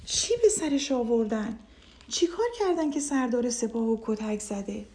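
A woman's voice: on the high side, expressive, mellow, natural voice. A kind, clever old village man from a children's storybook, as a woman narrator puts him on. He talks earnestly and pleads, with a voice that rises and falls a lot. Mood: worried.

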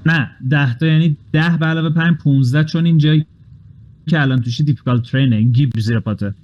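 A man's voice: a little high, lo-fi sound. A man running a tabletop game as game master, walking the players through the rules step by step and dropping English game terms into his speech.

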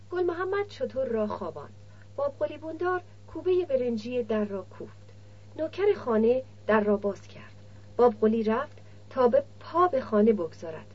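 Lady narrating a novel, husky voice, kinda high, muffled lo-fi sound. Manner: steady literary narration. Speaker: audiobook narrator. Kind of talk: novel reading. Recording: dull lo-fi recording.

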